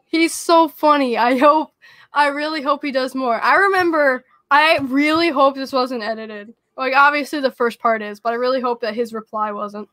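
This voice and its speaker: A young woman co-hosting a casual pop-culture podcast, excitable and giggly as she trades fan theories. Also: high voice, normal speed. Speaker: podcast co-host. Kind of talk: casual chat.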